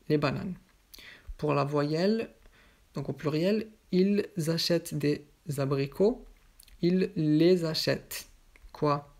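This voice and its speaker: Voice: mid-range voice, vocal fry, a little mellow. A teacher giving a voice-over grammar lesson, working methodically through each example with a question and its answer. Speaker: French teacher.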